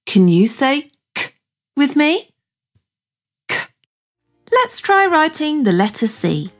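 A woman with a high, lively voice presents like a kids show host. She narrates a scripted lesson for young children, encouraging them and putting simple questions to them. Music plays behind her. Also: measured pace.

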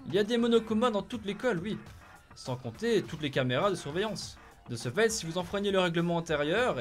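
A man's voice: a little high, natural voice. Monokuma, as a man puts him on, a gleeful robot bear. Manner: sing-song, theatrical, taunting. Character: mocking robot bear headmaster, cruel and gleeful.

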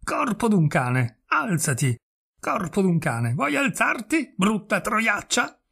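A man voicing a parrot that slowly bellows the coarse curses of a dead, brutal husband. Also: a little high, lively intonation, husky. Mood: furious. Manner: slow, drawn-out, coarse cursing.

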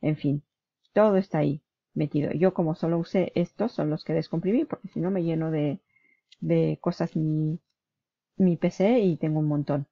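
Her voice sits low, with vocal fry and a moderate pace, as this online business vlogger casually talks her viewer through her computer screen. Chatty and self-correcting mid-word, she checks in often with "¿vale?" There's no room sound, and the highs are cut off.

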